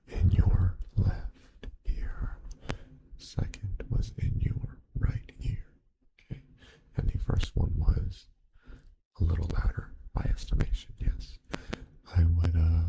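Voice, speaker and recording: A young man whispering softly and patiently through an ASMR hearing test roleplay, giving step-by-step instructions and quiet praise. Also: extremely low pitch, vocal fry, husky, rough recording.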